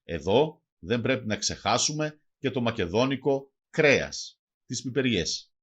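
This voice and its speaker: Guy narrating a vocab lesson, reads a word then its translation, pretty lively up-and-down voice. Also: mid-range voice, husky, highs cut off. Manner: reads words, then gives each translation, in measured teaching cadence. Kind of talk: scripted bilingual lesson narration.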